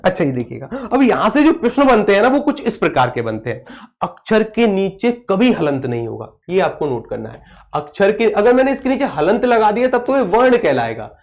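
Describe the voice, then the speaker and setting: Male teacher, live online lecture, drills points with question and answer, answers viewer comments. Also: sits high. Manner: repeats questions and answers them himself. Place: online live class, studio.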